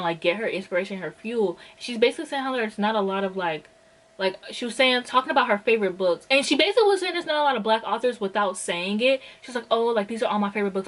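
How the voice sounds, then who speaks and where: A woman's voice: medium pitch, fairly bright tone, rough recording. A woman talking casually in a book review vlog, chatty and exasperated, leaning hard on the filler "like". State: out of breath. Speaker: book vlogger.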